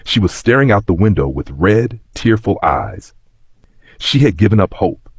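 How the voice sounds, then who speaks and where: A man narrating a scripted story in a measured, expressive way. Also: fairly low pitch, slightly rough, dry recording, studio quality.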